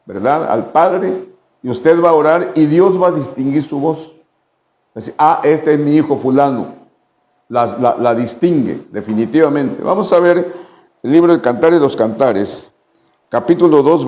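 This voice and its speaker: A man's voice: a little high, moderate pace, a little mellow, reverberant. A man with a Mexican Spanish accent preaching a midweek sermon as pastor, asking rhetorical questions and repeating phrases for emphasis.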